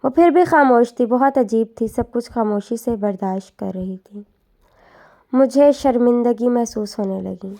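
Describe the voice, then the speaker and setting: Gravelly-voiced woman narrating a sad story. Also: a little high. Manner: soft, subdued and earnest.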